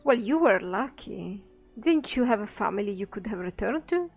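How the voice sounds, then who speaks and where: A blunt questioning mage hero. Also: female voice, medium pitch, lively intonation, normal speed, creaky, breathy edge, dull audio, soft background music. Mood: curious. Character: curious female mage player hero.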